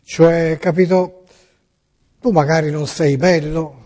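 Middle-aged guy hosting, jokey and teasing, lots of little eh's, voice a bit high, long echo hanging after it. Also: steady tone, slow, mellow. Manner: playful and teasing, many "eh" fillers and restarts. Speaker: radio and TV host. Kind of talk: casual joking monologue to listeners.

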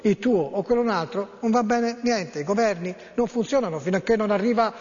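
A man hosting a TV call-in show, chatty and teasing, with many drawn-out fillers. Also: high-pitched, darkish tone, big-room sound, highs cut off. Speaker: TV host reading viewer text messages. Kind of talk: jokey live TV call-in chat.

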